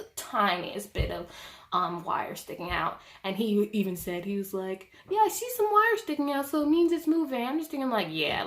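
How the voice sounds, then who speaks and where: A woman's voice: lowish voice, gravelly, pushed and bright. A young adult woman venting to camera in a casual vlog, telling a frustrating story in an exasperated way and filling her talk with "like". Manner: heavy use of "like" as filler. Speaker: vlogger.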